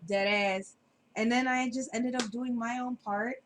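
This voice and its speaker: A woman's voice: fairly high pitch, steady tone, moderate pace, over a noisy crowd, poor audio. A woman co-hosting a homemade podcast, talking in a laid-back, slangy way that trails off. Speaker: podcast co-host. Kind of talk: casual podcast chat. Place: home basement.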